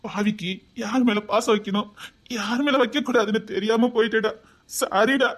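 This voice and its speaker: A woman's voice: on the high side, steady tone, moderate pace, close to an everyday voice. A woman playing a lonely, remorseful village uncle with a Tirunelveli accent, talking in an emotional, pleading, tearful way in a web drama. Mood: tender. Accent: Tirunelveli Tamil.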